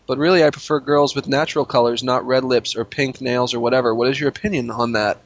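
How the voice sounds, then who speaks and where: A man's voice: medium pitch, fairly even intonation, quick pace, no room sound, muffled recording. A man hosting a casual comedy podcast, reading listener emails in a dry, offhand way with casual swearing.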